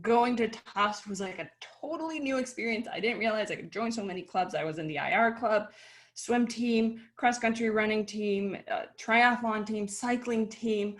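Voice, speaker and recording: Cast: woman in her thirties, from Chile, chatty and upbeat, panel talk over a video call. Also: mid-range voice. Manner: upbeat, chatty, laughs easily, some slow emphatic stretches. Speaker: panelist, company founder.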